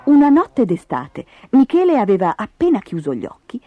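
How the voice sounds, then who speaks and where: Expressive storybook narrator, female, lively pitch, over background music. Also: moderate pace, phone-quality sound. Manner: expressive, animated. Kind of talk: children's storybook reading.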